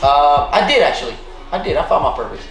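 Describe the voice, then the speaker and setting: Male podcast host, tattoo artist, earnest and casual, a bit high, echoey room with music. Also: animated, fast talker, gravelly, a bit bright. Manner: earnest, leans on "you know what I mean".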